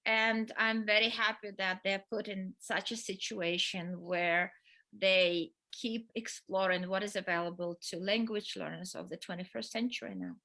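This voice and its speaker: A woman's voice: mid-range voice, fairly even intonation, normal speed, bright, forceful tone. A woman language instructor explaining her teaching experience in a webinar. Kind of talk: webinar presentation.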